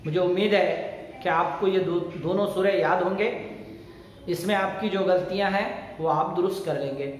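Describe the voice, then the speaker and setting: A male teacher leading a Quran recitation lesson, chanting verses slowly and then explaining quickly. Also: sits high. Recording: very echoey room with long reverb.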